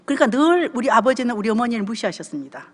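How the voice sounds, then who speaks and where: A woman's voice: fairly high pitch, big pitch swings, very fast, long reverb tail. A woman in her seventies with a Gyeongsang accent, telling stories in a church seminar talk and often checking in with the audience. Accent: Gyeongsang Korean. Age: 70s. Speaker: church deaconess giving a family seminar talk. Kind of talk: conversational sermon talk.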